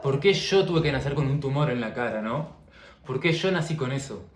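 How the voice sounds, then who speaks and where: A man's voice: mid-range voice, lively intonation, normal speed, roomy sound, slight background noise. A young man, a coach talking earnestly and repetitively to camera in a personal vlog. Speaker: mindset and fitness coach.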